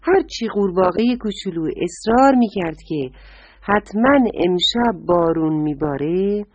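A woman's voice: on the low side, lively intonation, a little hiss or hum. A woman narrating a children's storybook tale in a tender way, calling her young listeners endearing names, on a dull lo-fi recording.

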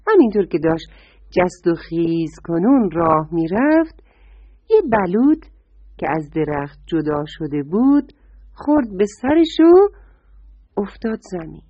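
A woman's voice: fairly low pitch, big pitch swings, no echo. A woman narrating a children's storybook tale in a tender way, calling her young listeners endearing names, on a dull lo-fi recording.

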